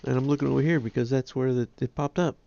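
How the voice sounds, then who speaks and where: A man's voice: mid-range voice, fairly even intonation, fast, gravelly, mellow, lo-fi sound. A man, hosting a ham radio livestream in a casual, rambling, self-deprecating way. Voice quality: nasal. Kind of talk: casual chat.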